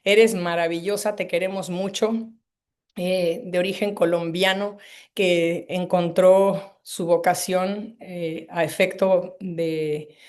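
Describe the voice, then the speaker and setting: Speaking slowly in a low, steady, darkish voice, this webinar host is a woman in her fifties from Mexico City. She presents online to a live audience over a video call, effusive and rambling, with lots of hesitations.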